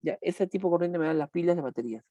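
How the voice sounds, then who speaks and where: A man's voice: a little high, very fast, mellow, no echo. A man teaching a chemistry class online, repeating key points and asking students questions as he goes.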